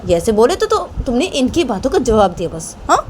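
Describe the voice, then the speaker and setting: Woman doing a soft-spoken middle-aged mother. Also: a little high, very animated, a little fast, slight background noise, voice pushed up. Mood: approving. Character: calm middle-aged mother, gently reasoning.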